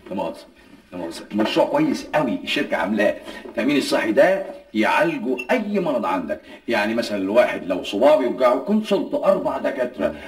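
A middle-aged man with an Egyptian accent playing a fussy, pedantic family father who lectures in a rapid, lively flow. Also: medium pitch, close to an everyday voice. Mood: lecturing.

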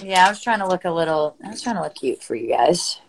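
A woman co-hosting a casual Instagram live chat over a video call, teasing and quick with banter. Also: on the low side, expressive, rough recording. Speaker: podcast co-host.

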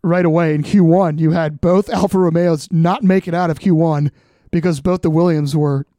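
A man's voice: on the high side, fairly even intonation, moderate pace, dark tone, dry recording. A man co-hosting a podcast in casual sports chat, close on the mic. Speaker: podcast co-host.

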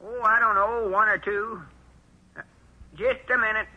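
A man doing an old-timer faking a squeaky high voice. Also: steady tone, pushed and bright, breathy edge, full character voice. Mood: fake-polite flustered. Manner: squeaky put-on voice, halting and flustered. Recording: dull lo-fi old radio recording.

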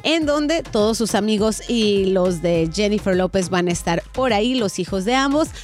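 A woman presenting celebrity gossip on a radio show in a playful, expressive, chatty way. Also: medium pitch, moderate pace, faint music behind.

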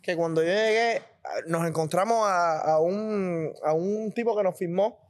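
A man from Cuba hosting a podcast, asking questions and telling his own anecdotes in casual interview chat. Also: sits high. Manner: quick, chatty questioning with acted-out anecdotes. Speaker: podcast host.

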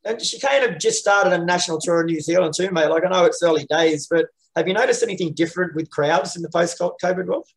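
A man's voice: high-pitched, quick pace, hardly any pauses, poor audio. A man hosting a casual music interview in a blokey, matey, sweary way.

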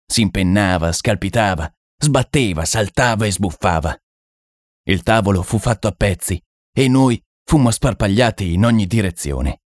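Low-voiced male audiobook narrator. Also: no echo, studio quality. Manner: dramatic, measured storytelling.

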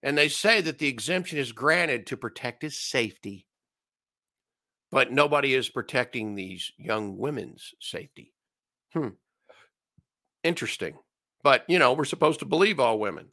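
Host, male, sarcastic ranter, gravelly fry, pitch swings all over. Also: expressive, a little slow, pauses often, bright, forceful tone. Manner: sarcastic, ranting, mocking asides. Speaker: commentary show host. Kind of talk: opinionated solo commentary.

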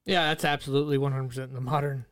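A man's voice: mid-range voice, steady tone, rapid-fire, fairly bright tone, no echo, clean studio sound. A man chatting as a contestant in a casual game, agreeable and teasing. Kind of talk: casual podcast chat.

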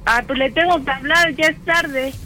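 A man's voice: very high voice, normal speed, sharp tone, full character voice. A man playing a pushy, worried young sister. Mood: indignant. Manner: insistent, pushy, repeats "¿eh?". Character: worried young woman, the sister, pleading and scolding. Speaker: radio prank performer. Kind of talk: radio prank call role-play.

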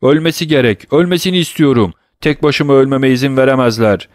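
A man voicing a desperate condemned man of about thirty who shouts in frantic fury. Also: fairly quick, dry recording, clean studio sound, close to an everyday voice. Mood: frantic rage. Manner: shouting, raised pitch.

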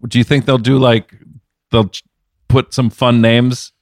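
A man's voice: medium pitch, level tone, measured pace, no echo, clean studio sound. A man co-hosting a podcast, chatting casually with crude wisecracks and free swearing. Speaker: podcast co-host. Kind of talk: casual chat.

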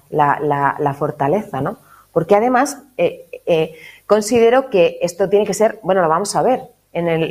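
A woman from giving a relaxed spiritual talk to a course group, lively and conversational, often checking in with her listeners. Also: fairly low pitch. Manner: lively, conversational, tags phrases with "¿no?". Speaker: catechism course teacher.

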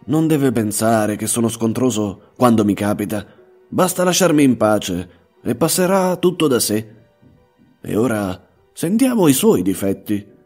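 A man's voice: medium pitch, sing-song, a little slow, a little mellow, faint music behind. Man reading as a blunt, self-assured detective. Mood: calm.

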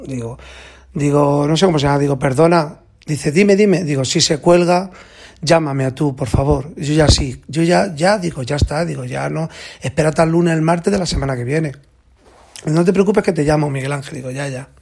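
A man from telling a rambling, excited story, constantly repeating "I said" and "he said". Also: fairly high pitch, moderate pace, creaky, breathy edge. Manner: rambling, repeats "digo" and "dice"; excited and exclaiming. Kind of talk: casual spoken rant.

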